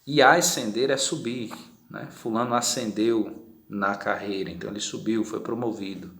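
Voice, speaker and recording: A man gives a grammar lesson. He explains step by step, checks in with tag questions and slows down to stretch out his example words. The sound bounces around an echoey room. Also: lowish voice, steady tone, gravelly, a bit bright. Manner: drawn-out, slowed words when giving examples. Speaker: Portuguese teacher. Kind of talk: recorded online grammar lesson.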